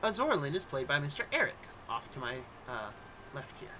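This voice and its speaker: Male game master, theatrical storytelling, bright tone, faint background noise. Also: fairly high pitch, sing-song, brisk, low-quality recording. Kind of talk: introducing and narrating a tabletop game.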